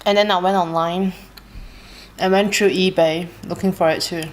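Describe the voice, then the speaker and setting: An Australian woman chatting casually while she eats, relaxed and unhurried, pausing between bites with soft hums. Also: fairly low pitch. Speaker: mukbang vlogger. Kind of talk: casual chat while eating.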